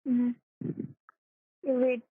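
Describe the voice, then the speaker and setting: A woman's voice: a little high, completely flat delivery, drawn-out words, breathy edge, no room sound. A woman on a phone call, insistent and curt, speaking non-native English, heard over a phone line. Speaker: scam call agent.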